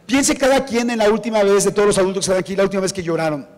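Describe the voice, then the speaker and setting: A middle-aged man, an author telling animated stories at his book presentation and acting out the people he quotes. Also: sits high, rapid-fire. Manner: animated storyteller who acts out quoted people. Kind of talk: anecdotal talk at a book presentation. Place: event hall before an audience. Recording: echoey hall reverb.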